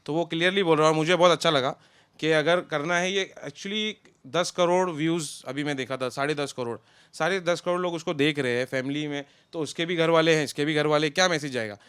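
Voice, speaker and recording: A young man talks casually as an interview guest, running one thought into the next. His voice is smooth and slightly high. It sounds close and dry, with no room around it. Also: brisk, no room sound. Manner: relaxed, talks in loose run-on sentences. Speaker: interview guest, friend of a contestant.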